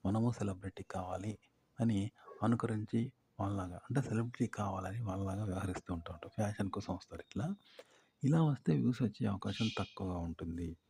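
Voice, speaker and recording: A fast-talking man explains his point like a patient teacher, returning to rhetorical questions and folksy everyday examples. His voice sits a little low, and faint hiss runs under it. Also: gravelly, warm tone. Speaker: YouTube advice teacher. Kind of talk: informal tutorial talk.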